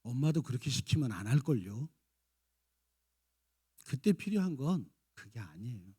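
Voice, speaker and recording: A man's voice: mid-range voice, big pitch swings, moderate pace, slightly rough. A man in his fifties preaching a sermon, acting out scolding and tender lines in turn. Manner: acts out parents' and children's lines, jumping between shouts and soft coaxing. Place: church sanctuary.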